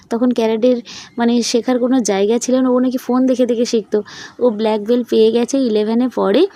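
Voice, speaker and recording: A woman's voice: fairly high pitch, dark tone, no echo. A middle-aged woman from West Bengal narrating a casual family vlog, chatting directly to her viewers. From West Bengal, India. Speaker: vlogger.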